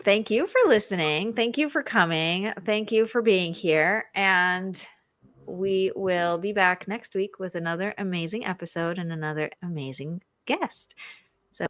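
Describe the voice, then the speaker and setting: A woman hosts a casual live interview with a bright, forward voice. She talks in an animated way and slips into little acted inner voices. The sound is dry and close. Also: on the low side, measured pace, no room sound. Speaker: show host, marriage coach.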